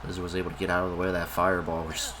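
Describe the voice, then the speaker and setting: A man's voice: low voice, flat delivery, very fast. A man working as a wrestling commentator, calling the moves play by play in short, clipped phrases. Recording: very noisy recording.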